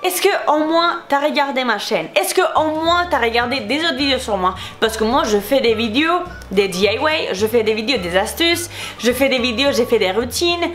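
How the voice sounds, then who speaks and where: A young Spanish beauty YouTuber speaks French with a Spanish accent in a casual vlog, replying fast and heated to nasty comments. Her high, animated, slightly bright voice keeps circling back to the same points with irritation, over faint music.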